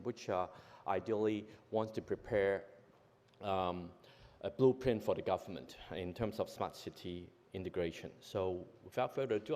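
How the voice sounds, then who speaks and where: Hong Kong executive at a podium, lowish voice, halting delivery, long hall reverb. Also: male voice, darkish tone. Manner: hesitant, many fillers and self-corrections. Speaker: conference speaker, company executive. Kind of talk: conference presentation. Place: large conference hall.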